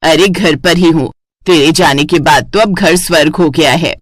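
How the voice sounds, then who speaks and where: Cartoon voice: woman playing a mocking middle-aged mother, lower and blunt, dry close sound. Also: moderate pace, no echo. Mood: teasing. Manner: teasing, mocking.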